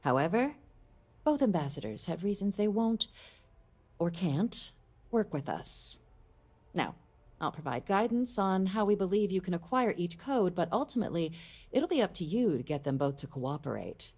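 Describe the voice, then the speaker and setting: A woman's voice: lowish voice, big pitch swings, normal speed, a little mellow. An actress voicing a composed female deputy diplomat in a video game, briefing in a formal tone.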